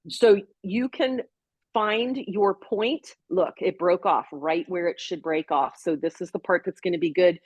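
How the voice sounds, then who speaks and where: A woman co-hosting a health show chats casually while making a salad, explaining each step as she goes. Her voice is on the low side, a little mellow with a breathy edge, and there's no room sound.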